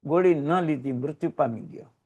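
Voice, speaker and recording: A man from Gujarat giving a Jain sermon, telling moving stories with sudden rises in voice and hushed, quiet drops. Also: a little high, moderate pace, lo-fi sound. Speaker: Jain religious teacher.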